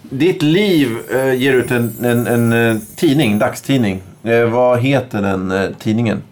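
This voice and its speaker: A man's voice: mid-range voice, darkish tone. A man hosting a casual podcast chat, asking the questions, swearing casually and laughing often.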